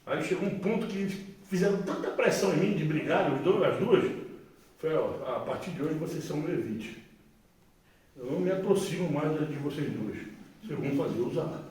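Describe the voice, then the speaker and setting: Brazilian male psychologist, casual testimony talk, lively, slightly high voice, roomy distant mic. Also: moderate pace. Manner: colloquial, animated, acts out dialogue. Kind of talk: informal recovery testimony talk. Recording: echoey room, far from mic.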